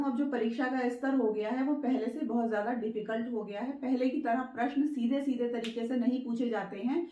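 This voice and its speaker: A woman teaching Hindi grammar for exam preparation. She goes slowly, explains step by step and keeps checking in with her students. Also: on the high side, darkish tone. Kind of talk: exam-prep grammar lesson. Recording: echoey room, dull lo-fi sound.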